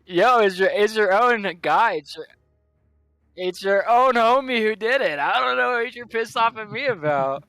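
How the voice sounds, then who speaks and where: A man with a high, bright, lively voice teases a fellow player across the table. The sound is dry and close. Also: normal speed, no room sound. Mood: teasing. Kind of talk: casual tabletop banter.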